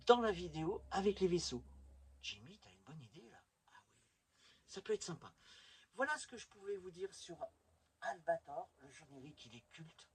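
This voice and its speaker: A man with a fairly high, darkish voice hosts a collectors' video channel, chatting casually and enthusiastically through a rambling vlog that shows off his collection. He's indoors at home, and the recording is noisy.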